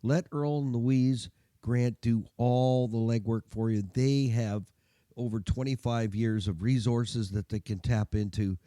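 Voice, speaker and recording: A man speaks as the chatty host of a folksy car show, in a dry, close studio sound. His tone is dark and relaxed, thickened by a gargly, congested winter cold. He keeps up a jokey, homespun patter. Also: medium pitch, a little slow, no room sound. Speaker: radio show and podcast host.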